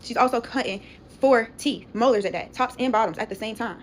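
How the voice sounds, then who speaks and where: A woman's voice: fairly high pitch, brisk, a little hiss or hum, low-quality recording. A young woman, telling a long storytime in chatty casual talk, often asking "you get what I'm saying?", recorded on a phone.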